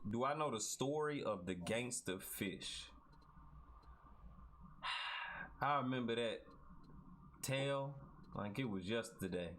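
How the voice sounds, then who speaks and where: Over a basketball video game with its sounds and chatter, a man improvises a mock-epic comic tale in casual slang, repeating himself and tacking "right?" onto phrases. His medium-pitched, slightly bright voice is lively but slow, with frequent pauses and a little background noise.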